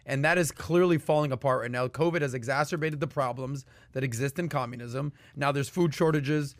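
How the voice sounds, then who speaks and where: A man from Miami co-hosting a podcast, talking in an animated, talkative way. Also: mid-range voice, fairly quick, no echo. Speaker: podcast co-host. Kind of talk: casual podcast talk.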